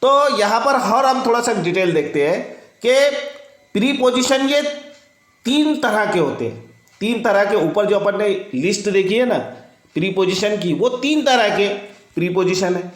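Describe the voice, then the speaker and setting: Guy teaching english grammar real slow, lots of fillers, kinda roomy sound. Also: high voice, expressive. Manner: slow, repetitive explaining with many fillers. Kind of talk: grammar lesson.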